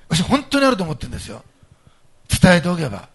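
A male pastor preaching a sermon to his congregation, emphatic and animated, moving between soft asides and loud stressed points. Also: sits high, fast, slightly rough.

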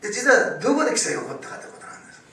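A man preaching a sermon as a pastor, telling stories, dropping to hushed whispers and rising to loud exclaims. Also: high-pitched, sing-song, racing. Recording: roomy, distant mic with faint ambience.

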